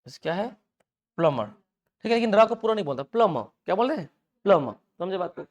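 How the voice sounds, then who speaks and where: High-voiced Indian man teaching English. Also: lively intonation, fairly quick. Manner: drills pronunciation with repeated questions to students; addresses students as beta, mixing Hindi with English words. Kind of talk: classroom lecture. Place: classroom.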